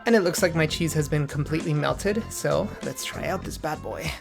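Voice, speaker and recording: A young man from Mexico hosting a casual cooking vlog in his home kitchen, explaining each step in a relaxed, friendly way. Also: fairly high pitch, moderate pace, vocal fry, faint music behind. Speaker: cooking channel host.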